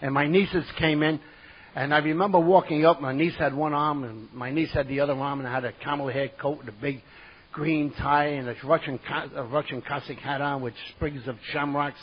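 A husky-voiced man from New York City tells comic personal stories to an audience at a recovery meeting. His voice is a little high and steady at normal speed, his manner vivid, self-mocking and theatrical, captured on dull lo-fi conference tape.

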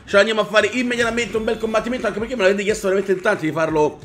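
A young man with a high voice talks his viewers through a wrestling video game. He sounds hyped, curses freely and shouts whenever something big happens on screen. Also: racing, a little hiss or hum. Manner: energetic, swears and shouts at the game. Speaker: gaming YouTuber. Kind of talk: excited gameplay commentary.

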